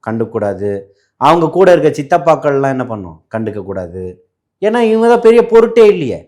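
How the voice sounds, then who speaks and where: A man's voice: medium pitch, big pitch swings, warm tone. A man arguing in a heated political debate, mocking and talking over his opponent. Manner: mocking, rapid-fire, interrupting.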